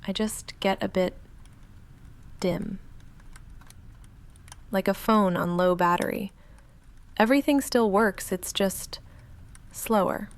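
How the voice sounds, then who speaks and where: In a weary, subdued mood, a woman with a mid-range voice portrays a goth vampire roommate in an intimate ASMR roleplay. Her speech is soft, halting, dry and guarded, with a quiet affection, and it often fades to a near-whisper.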